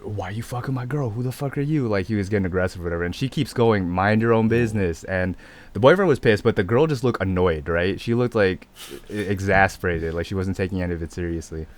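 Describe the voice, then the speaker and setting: A young man with a somewhat low voice spins a wild story for his friends in casual, slang-heavy chat. He is animated and acts out the voices of the people in it. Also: fast. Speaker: podcast co-host.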